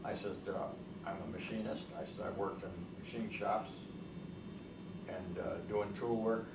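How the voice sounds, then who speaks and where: This older veteran, raised speaking Italian at home, rambles and falters through memories of his past during an oral history interview, often starting over. His voice is on the low side, steady in tone and creaky, at normal speed; the recording is noisy and echoey, with the mic far off.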